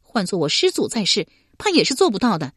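A woman voicing a proud, quick-tempered young swordswoman who snaps back sharply in an audiobook. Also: mid-range voice, sing-song, breathy edge, dry recording, clean studio sound, pitched above the performer's own voice. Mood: indignant. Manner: sharp, indignant retorts.

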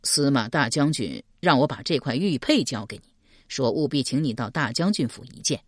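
A woman voicing an earnest young man who speaks softly and politely. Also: very deep voice, lively intonation, normal speed, dry recording, clean studio sound, pitched below the performer's own voice. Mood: gentle, earnest. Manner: soft and polite.

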